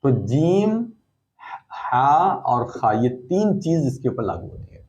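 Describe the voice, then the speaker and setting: A man's voice: medium pitch, very animated, slow, a little mellow, muffled recording. A man teaching a recorded lesson, explaining patiently and repeating points with frequent check-ins. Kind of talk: recorded lesson on letter shapes.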